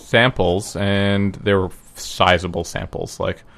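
A man's voice: sits low, little pitch movement, takes it slowly, gravelly, a bit bright. A man chatting casually, rambling and hesitant, full of ums and restarts. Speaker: guest recounting an event. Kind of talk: casual chat.

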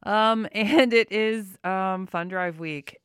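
A woman's voice: mid-range voice, takes it slowly, clean tone, no room sound, clean studio sound. A middle-aged woman talking through a face mask, slightly muffled, chatting informally and rambling as she hosts a radio fundraising show. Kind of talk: casual unscripted radio fundraising chat. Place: radio studio.

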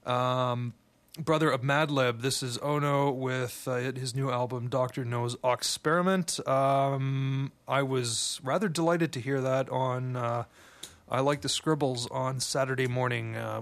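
A man with a self-described monotone voice, hosting a radio music show from the studio in casual, easygoing chat. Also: medium pitch, normal speed, vocal fry. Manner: easygoing, chatty aside-filled delivery. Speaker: radio host. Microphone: studio microphone.

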